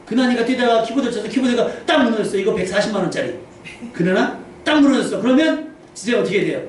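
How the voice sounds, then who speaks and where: High-voiced pastor in echoey church. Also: male voice, quick pace. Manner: animated, humorous, acts out quotes. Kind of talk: lively sermon. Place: church sanctuary. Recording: very echoey church hall, distant mic, faint noise.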